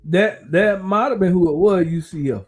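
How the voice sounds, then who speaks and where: A man's voice: sits high, moderate pace, faint music behind. Rambling man chatting casually. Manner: relaxed, rambling, talks through his uncertainty. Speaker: podcast host. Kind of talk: casual chat.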